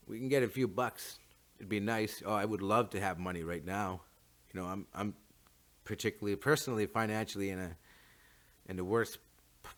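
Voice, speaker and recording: A man with a First Nations Canadian English accent giving an informal, unscripted opinion monologue, haltingly thinking aloud and repeating words. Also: low-pitched, fairly bright tone. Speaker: talk show host.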